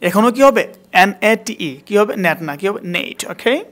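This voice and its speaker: A man's voice: high voice, expressive, measured pace, a bit bright, soft background music. A man teaching a spoken English class, repeating words again and again to drill pronunciation and quizzing his student.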